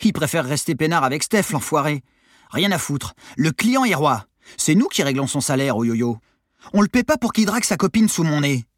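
A man voicing a brash, foul-mouthed short teenage boy who talks loudly, cheekily and crudely in a storybook reading. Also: sits high, lively intonation, fast talker, dry recording, studio quality, voice pushed up. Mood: grumbling.

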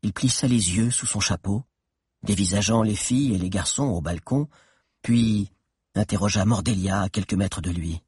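Husky-voiced male storybook narrator. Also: on the low side, dry recording, studio quality. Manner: steady, dramatic reading with tense pauses. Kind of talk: audiobook narration.

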